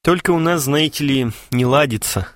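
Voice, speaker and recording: A man's voice: fairly high pitch, moderate pace, dry recording, voice pushed up, natural voice. A man reading an audiobook, voicing a stern, serious young man who speaks in a dry, curt way.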